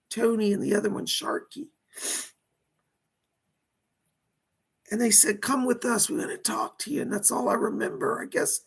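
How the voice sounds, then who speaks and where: Woman as seance medium channeling a remorseful male gangster ghost, very gravelly, swooping pitch, halting, whispery, anguished confession. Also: full character voice. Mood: remorseful, pleading. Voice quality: husky, breathy, creaky. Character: remorseful, frightened dead male mobster spirit from the seventies. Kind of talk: seance medium trance channeling, dramatic first-person confession.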